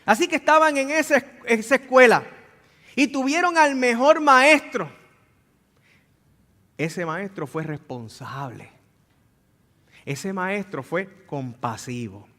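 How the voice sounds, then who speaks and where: Bright, ringing Puerto Rican pastor preaching. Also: male voice, sits high, big-room sound. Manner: swings between shouting and hushed emphasis, repeats key phrases. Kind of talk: sermon. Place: church sanctuary.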